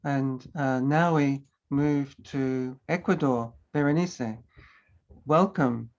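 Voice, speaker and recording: A man's voice: mid-range voice, takes it slowly. A man moderating an online panel, introducing speakers formally and graciously. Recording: dull lo-fi audio.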